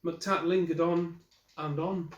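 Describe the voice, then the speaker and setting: Reading a children's picture book aloud, a man in his forties takes his time, his voice slightly high for a man. He tells the story expressively and adds brief asides to his listeners. The small wallpapered room he's in gives the recording plenty of echo.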